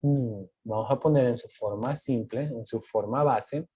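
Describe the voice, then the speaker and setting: A man's voice: medium pitch, measured pace, mellow, breathy edge. A male teacher patiently explaining grammar rules step by step, asking and answering his own questions. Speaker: English teacher.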